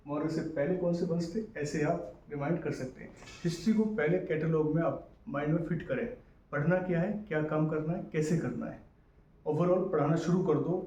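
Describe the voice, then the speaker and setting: A male history teacher giving a casual exam-prep lecture in mix, often checking in with his students by asking whether things are clear. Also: fairly high pitch, warm tone. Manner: repetitive, checks in with "clear guys?". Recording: echoey room, distant mic, faint hiss.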